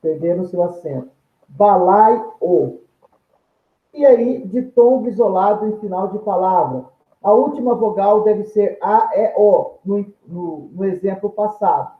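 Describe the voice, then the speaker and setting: Male grammar teacher, high-pitched, explanatory, tinny phone-like sound in an echoey room. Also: moderate pace. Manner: explanatory, points at examples on screen; stretches out example words syllable by syllable. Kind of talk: video lesson explaining grammar.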